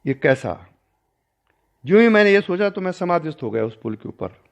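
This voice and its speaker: An older man, a spiritual teacher, recounting a personal story in a discourse and acting out the dialogue with changing pitch and loudness. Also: sing-song, moderate pace, gravelly. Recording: dull lo-fi recording.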